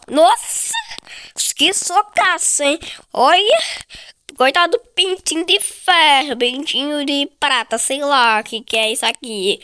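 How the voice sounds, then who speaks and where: A young woman with a Brazilian Portuguese accent gives excited, chatty gameplay commentary full of slang and exclamations. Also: a little high. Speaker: gaming video creator.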